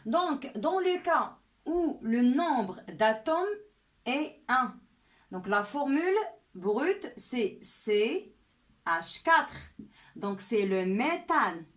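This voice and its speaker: A woman's voice: fairly high pitch, sing-song. A woman teaching a chemistry lesson step by step, often checking in with "d'accord?". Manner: slow and deliberate, often asks "d'accord?".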